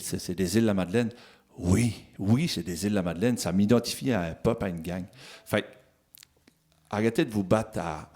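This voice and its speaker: A man's voice: sits low, a little mellow. A singer-songwriter from the Magdalen Islands with a Magdalen Islands French accent who drops his R sounds, chatting easygoingly between songs with many restarts. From Magdalen Islands, Quebec. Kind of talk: casual stage talk between songs.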